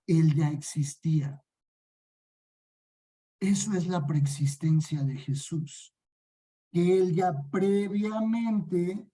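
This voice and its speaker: A man with a Mexican accent teaches a Bible study class, putting questions to his listeners and answering them himself. His voice is very dark and mellow, with a slightly husky edge. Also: high-pitched, poor audio. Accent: Mexican Spanish. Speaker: discipleship teacher.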